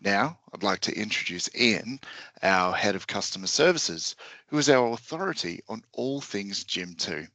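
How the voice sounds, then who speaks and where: A man hosting a software webinar in a friendly, upbeat, scripted way. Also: on the low side, lively intonation, normal speed, no room sound. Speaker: webinar host.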